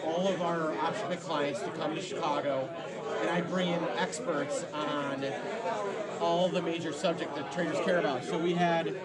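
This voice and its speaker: A man with a tinny voice explaining things casually and haltingly as a panelist. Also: a little high, steady tone. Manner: halting, searching for words. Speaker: panelist and event organiser. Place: large room at live conference. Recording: distant mic in loud crowded hall. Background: loud crowd chatter.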